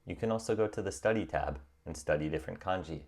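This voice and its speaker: Man, young adult, extremely low voice, calm encouraging tutorial narration. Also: quick pace. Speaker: language-learning YouTuber.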